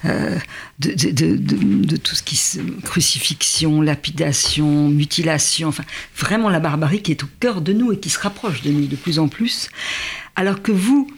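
A woman's voice: sits low, moderate pace, slight background noise. A woman hosting a literary interview, asking admiring questions and finishing her guest's sentences for him. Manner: admiring, prompting, fills in the guest's words. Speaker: host of a literary show.

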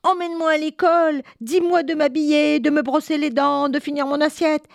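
A woman's voice: fairly even intonation, normal speed, gravelly, dry recording, studio quality. A woman voicing an eager, insistent young schoolboy in a children's story, calling out in a pleading, childish way. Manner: pleading, high childish calls.

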